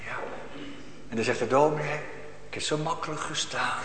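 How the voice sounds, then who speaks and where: Preacher in an echoey church. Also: male voice, fairly high pitch, normal speed, noisy background. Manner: emphatic, repeats phrases, swings from loud to hushed. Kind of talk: sermon. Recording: echoey church hall with faint ambience.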